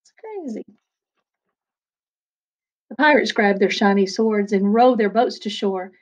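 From a small attic room at home, a second-grade teacher reads a picture book aloud to kids, captured on a desk webcam. Her medium-pitched voice is unhurried, and she's playful and expressive, tossing chatty asides to the children.

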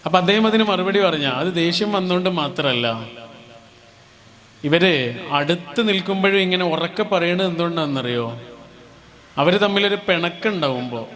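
A man giving a motivational speech at a community gathering, talking in a gentle, reflective way and pausing between short phrases. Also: high voice. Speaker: speaker.

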